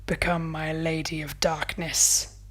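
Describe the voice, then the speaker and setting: A woman's voice: deep voice, flat delivery, slow pace, a bit bright, heavily acted. A woman voicing a purring, menacing vampire man. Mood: seductive menace. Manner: thick, purring, salivating drawl. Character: seductive, menacing male vampire.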